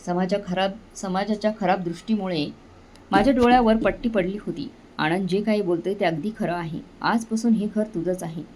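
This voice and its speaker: A woman voicing a stern, quick-tempered older brother who speaks in a scolding manner. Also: mid-range voice, a little mellow, slight background noise, close to an everyday voice, rough recording. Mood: remorseful.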